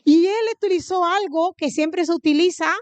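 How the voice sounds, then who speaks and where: A woman's voice: extremely high pitch, normal speed, no echo. A woman from the Dominican Republic with a Dominican accent, preaching a sermon in church and answering her own questions to the congregation. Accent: Dominican Spanish. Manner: asks the congregation questions and answers them herself.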